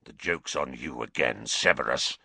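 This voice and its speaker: A man voicing a hunted, gaunt fugitive who snarls and croaks in a low voice. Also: normal speed, sharp tone, no echo, exaggerated voice. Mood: snarling.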